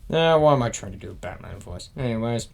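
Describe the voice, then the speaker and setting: A man's voice: lowish voice, lively intonation, quick pace, gravelly, a little mellow. Man rambling over a Reddit post. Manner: rambling, repeats himself. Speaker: Reddit story reader. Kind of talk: casual reading of Reddit posts with commentary.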